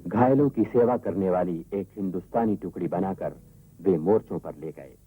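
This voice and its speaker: A man giving a measured, formal documentary narration, heard from an old worn tape recording. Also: low-pitched, narrow, tinny audio, soft background music.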